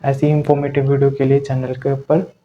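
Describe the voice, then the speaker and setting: A man teaching English pronunciation in a video lesson. He sounds out each vowel slowly and keeps asking the listener questions to check they follow. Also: medium pitch, monotone, lo-fi sound.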